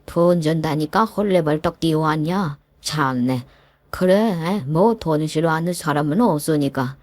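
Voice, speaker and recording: Woman doing a bossy old father-in-law, gruff scolding tone, pitched low, warm mellow timbre, dry close sound. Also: unhurried, no echo. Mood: angry. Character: angry domineering older male father-in-law.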